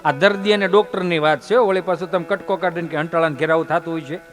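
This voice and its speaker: A man's voice: fairly high pitch, fairly even intonation, quick pace, faint music behind. A man telling a comic folk story to a live audience, chatty and often addressing the listeners as sir. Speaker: comedian.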